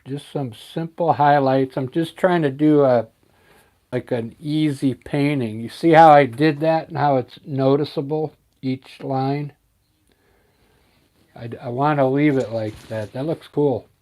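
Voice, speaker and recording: A soft-spoken artist livestreams from his home art studio, musing aloud as he paints and offering casual commentary. His medium-pitched, unhurried voice is scratchy from singing and allergies. He talks into a clip-on mic once he's plugged it in.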